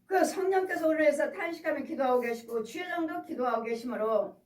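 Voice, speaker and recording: A middle-aged woman pastor preaches a sermon in a church sanctuary, repeating exhortations and putting rhetorical questions to the congregation. Her voice is high-pitched, fast and a little mellow, heard from a distance in an echoey room.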